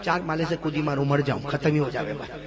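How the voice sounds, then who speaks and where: A man preacher giving a sermon to a large gathering, emphatic and firing repeated questions at the crowd. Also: fairly high pitch.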